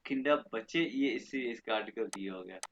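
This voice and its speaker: A man teaching German vocabulary in an online lesson, repeating each word slowly and often checking that students follow. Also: fairly low pitch, fairly bright tone, highs cut off, a little hiss or hum.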